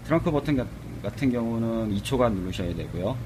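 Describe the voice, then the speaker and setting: A man's voice: mid-range voice, lively intonation, fast, background noise. A man giving a casual product demonstration of a car alarm remote, talking in a plain explanatory way with many hesitant fillers, recorded on a camera microphone in a car workshop. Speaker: car accessory shop presenter.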